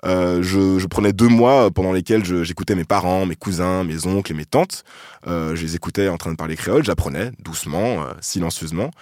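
A low-voiced man from France hosts a podcast, telling a personal story in a calm, reflective way. He pauses on small hesitations as he thinks. The sound is dry and close to the mic. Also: no echo. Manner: reflective, thoughtful, with soft hesitations. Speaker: podcast host.

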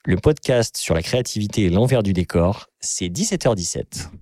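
A man's voice: on the low side, animated, moderate pace. A man co-hosting a podcast in casual chat, playful and jokey. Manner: playful, jokey, puts on voices. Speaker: podcast co-host.

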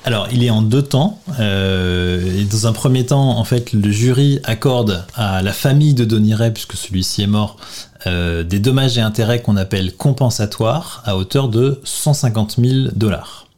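Man, lawyer, podcast co-host, lowish voice, relaxed, explanatory. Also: moderate pace. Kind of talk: casual conversational podcast.

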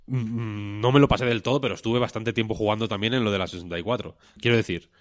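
A man's voice: on the low side, steady tone, fast talker, no echo, clean studio sound. A man in his thirties, chatting casually on a podcast in a rambling, self-mocking way and swearing freely. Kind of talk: casual chat.

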